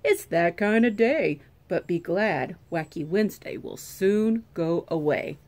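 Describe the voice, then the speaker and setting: A woman's voice: fairly low pitch, animated, measured pace, a little mellow. A woman voicing a kindly, smiling police patrolman in a read-aloud picture book, reassuring a child. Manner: friendly, reassuring.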